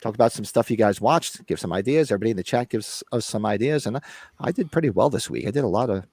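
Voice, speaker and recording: Talking fast and animatedly, this American podcast host rambles bluntly about horror movies, swearing here and there. His lowish voice is a little mellow and is recovering after being lost. There's no room sound.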